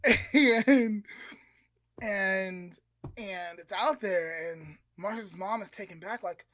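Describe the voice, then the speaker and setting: A woman co-hosting a podcast retells a story slowly in a mid-range, fairly bright voice with no echo. She keeps it conversational and dramatic, acting out the dialogue with slangy quotes.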